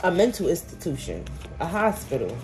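A woman's voice: on the low side, very animated, brisk, darkish tone, faint music behind. A young woman giving a casual tarot reading, blunt and profane, full of street slang. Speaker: tarot reader.

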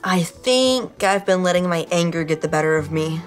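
A man's voice: high voice, expressive, moderate pace, soft background music. A teenage boy speaking scripted kids' show dialogue in an earnest, plain way in an indoor studio set. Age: teens. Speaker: child actor playing a kid character.

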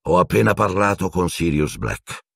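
A man voicing a calm, wise old male headmaster wizard in an audiobook, slow and measured. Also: low voice, gravelly, husky, dry recording, studio quality, full character voice. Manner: calm, quiet authority.

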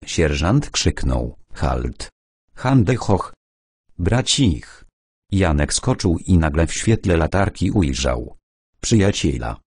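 A man reading a war novel aloud as an audiobook narrator, with dramatic, expressive delivery. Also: deep voice, breathy edge, dry recording, studio quality.

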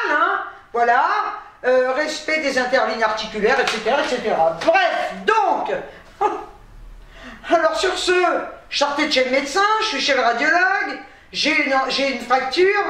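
Tired, chatty woman vlogger, high-pitched, exasperated asides, recorded in a booming room. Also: a bit bright, distant mic. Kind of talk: casual storytelling to camera. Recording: very echoey room, off-mic.

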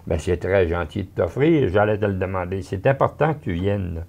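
A man voicing a gentle, reassuring young woman with a Québécois accent. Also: low-pitched, expressive, moderate pace, vocal fry. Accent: Québécois French.

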